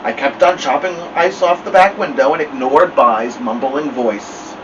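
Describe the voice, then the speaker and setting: A man hosting a story time, reading a novel aloud in an animated way. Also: medium pitch, unhurried, lo-fi sound. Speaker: storytime host. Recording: distant mic, air-conditioner hum.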